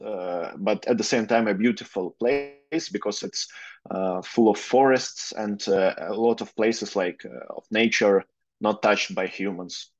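A man's voice: lowish voice, measured pace. Young Russian-accented man, hesitant. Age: 20s. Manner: hesitant, many fillers, careful non-native phrasing. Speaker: guest lawyer. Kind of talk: interview answers. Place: plain room, indoors. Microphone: video call. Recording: dull lo-fi video call audio.

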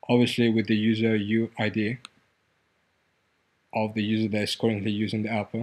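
A man's voice: fairly low pitch, flat delivery, normal speed, darkish tone. A man hosting a screen-recorded coding tutorial, explaining his app in a loose, hesitant way with many fillers and restarts.

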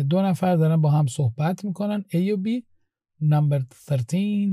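A man with a mellow, relaxed tone and a slightly high voice walks through an English grammar lesson. He reads the example sentences slowly and carefully, then translates them and explains the point. The sound is dry and close, with no room around it. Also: dry recording. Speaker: English teacher.

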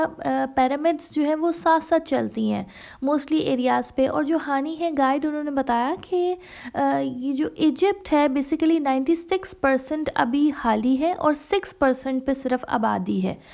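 A woman with a high, somewhat dark voice and some vocal fry talks at an unhurried pace. She's a travel vlogger casually narrating her trip in Hindi-Urdu, chatty and full of fillers, dropping English phrases in as she goes.

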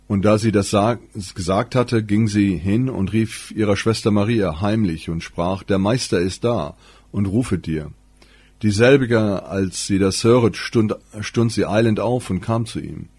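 A man reading scripture aloud as an audiobook narrator, measured and solemn, with occasional slips and restarts. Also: lowish voice, darkish tone, breathy edge. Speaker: audiobook reader.

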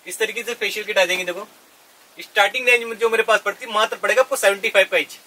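A man, a shop owner sitting in his cosmetics store and rattling off prices in a sales pitch. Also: fairly even intonation, racing, bright, forceful tone, far from the mic. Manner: salesman listing prices, counting items off. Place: crowded cosmetics shop indoors, seated cross-legged on floor.

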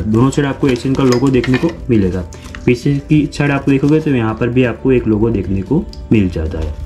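In a small indoor room, a young man with a mellow, medium-pitched voice hosts his own unboxing channel. He walks viewers through a product in a repetitive, explanatory way, calling them his friends.

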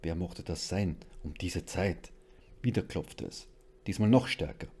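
A man reading a horror audiobook aloud in a measured, suspenseful narration. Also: low-pitched, animated, darkish tone, husky. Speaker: audiobook reader.

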